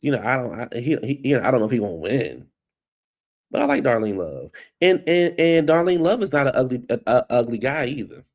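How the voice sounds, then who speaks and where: This man's medium-pitched voice has a darkish tone, brisk and expressive, though his nose is stuffed up and his voice is fading. He's a vlog host rambling through a casual solo chat at his computer at home, loose and chatty, addressing listeners as baby.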